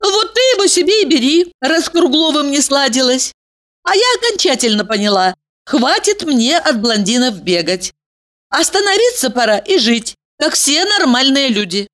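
A woman voicing a stubborn young woman in love, speaking high and defiant. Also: very animated, normal speed, a bit bright. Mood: indignant, stubborn. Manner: high-pitched, indignant, stubborn.

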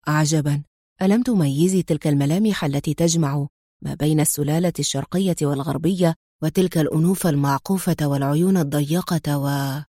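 A woman reading a novel aloud, voicing a cool, sardonic male secret agent hero in a low, mocking, hushed delivery. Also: a little fast, no room sound, studio quality. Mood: mocking whisper.

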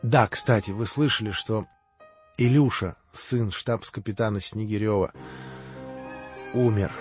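A man's voice: unhurried, close to an everyday voice. Man voicing Katya, a proud anguished young woman. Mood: cold, curt. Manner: high, strained pleading. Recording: dull lo-fi audiobook with faint music.

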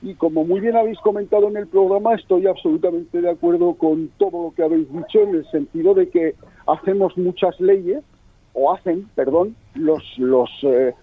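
A man's voice: high voice, husky, no room sound. A man calling in to a radio talk show over the phone from a bar terrace, speaking politely and hesitantly. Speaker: radio caller. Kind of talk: call-in comment on talk radio. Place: bar terrace outdoors in a village. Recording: tinny muffled phone line.

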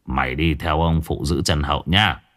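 A man voicing a grave old village coffin bearer, muttering low and slow. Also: fairly even intonation, a bit bright.

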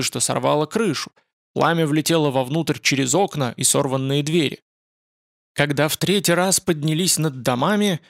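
A man narrating a fantasy novel as an audiobook in steady storytelling. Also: on the high side, gravelly, no room sound, clean studio sound.

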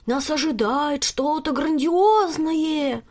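A woman voicing a young girl who pretends to be a solemn fortune teller, speaking slowly and mysteriously. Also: high-pitched, a little mellow, voice pushed up. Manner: slow, drawn-out, mysterious.

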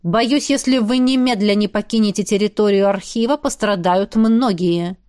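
A woman voicing a composed young male mage who gives lazy, unhurried warnings. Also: medium pitch, darkish tone, clear, resonant tone, lightly acted. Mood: calm.

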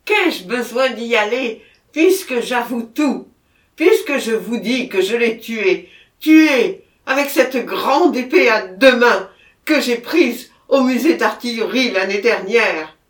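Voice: mid-range voice, lively intonation, slow, far from the mic, voice pushed up. A reader voicing a terrified man who has confessed to murder and begs to be taken to prison, in a storybook reading with a roomy echo. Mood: panicked pleading. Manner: loud, pleading and panicked.

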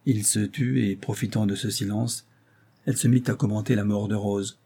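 Husky, dark-toned male narrator. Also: fairly low pitch. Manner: steady, measured storytelling. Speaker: audiobook narrator. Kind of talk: scripted narration of a novel.

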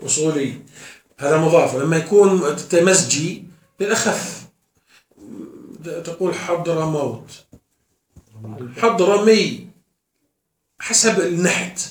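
A man's voice: on the high side, slow pace, pauses often. A man teaching a class as a sheikh, often asking his students questions and answering them himself. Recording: echoey room, mic far off.

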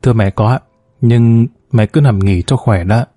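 A man's voice: mid-range voice, normal speed, dark tone, no echo, studio quality, natural voice. A man reading the lines of a respectful, earnest young husband and son-in-law.

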